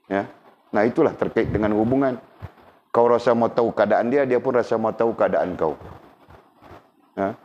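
A man with a fairly low voice gives a casual religious lesson, speaking conversationally and often pausing to check that his students understand. The recording sounds dull and lo-fi. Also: darkish tone, a little hiss or hum. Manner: conversational, keeps checking in with listeners. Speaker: religious teacher. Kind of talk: casual teaching talk.

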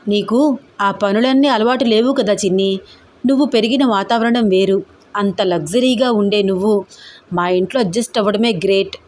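A woman's voice: mid-range voice, normal speed, a little mellow, close to an everyday voice. A woman reading an audio story, voicing a loving young man who speaks seriously and reassuringly.

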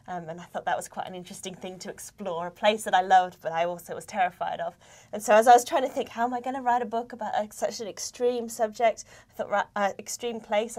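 A young woman author, raised in Wales and Australia, answering interview questions in an animated way with frequent laughs, in a studio. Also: mid-range voice. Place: studio with dark backdrop.

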